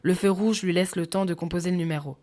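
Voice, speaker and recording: A woman calmly narrating a sleep audiobook in an even voice. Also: on the low side, fast. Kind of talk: soft sleep-story narration. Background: faint music.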